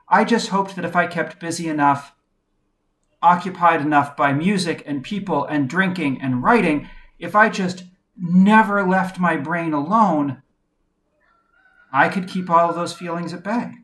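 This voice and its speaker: Woman, reflective first-person narration, quiet and measured, candid, pauses often. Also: on the low side. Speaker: video essayist.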